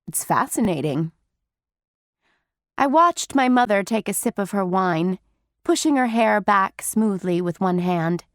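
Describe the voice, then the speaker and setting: A woman's voice: medium pitch, animated, unhurried, clean tone, no room sound, studio quality. Woman narrating a teen audiobook. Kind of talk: scripted first-person narration.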